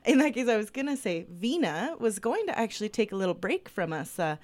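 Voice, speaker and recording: A woman's voice: mid-range voice, very animated, a little fast, darkish tone, dry recording. A woman co-hosting a radio show early in the morning, sleepy but chatty as she rattles off upcoming events. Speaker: radio co-host. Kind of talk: casual radio announcements.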